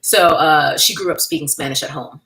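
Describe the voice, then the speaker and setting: Creaky and low-pitched, with a fairly bright tone, this woman talks at a moderate pace over a rough recording. She's hosting a laid-back livestream from New York, chatting frankly and thanking viewers by name while going through their comments.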